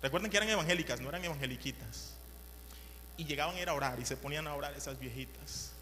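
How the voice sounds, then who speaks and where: A male preacher telling a story in a sermon, animated and repetitive, swinging from hushed to loud. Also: fairly high pitch, fast, long reverb tail, faint music behind.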